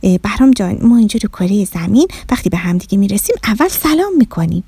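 A woman's voice: medium pitch, big pitch swings, dark tone, slightly rough, no echo. A woman voicing a young girl who earnestly explains manners and scolds. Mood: instructive. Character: young girl, bossy and polite-minded.

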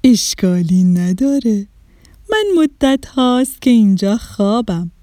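A woman voicing an ancient, kind vinegar in a storybook, soothing and gentle. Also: medium pitch, no room sound, clean studio sound, lightly acted. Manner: warm, soothing, slow.

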